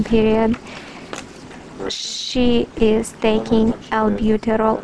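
A woman doctor dictating a medical letter, speaking punctuation aloud and spelling out drug names letter by letter in a measured, deliberate way. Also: on the high side, background noise.

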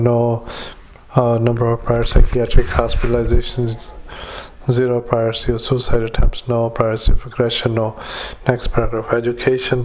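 A man dictating a patient note into a dictaphone, halting with many fillers and reading out punctuation and paragraph breaks. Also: medium pitch, darkish tone, a little hiss or hum, low-quality recording. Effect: dictaphone recording. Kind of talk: medical dictation into a recorder.

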